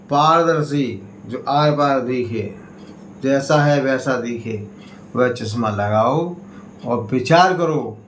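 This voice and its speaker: A man giving a political speech to community members, in slow, emphatic oratory that swings between raised appeals and low warnings. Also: a bit bright, a little hiss or hum. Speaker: party state president. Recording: echoey room, faint ambience.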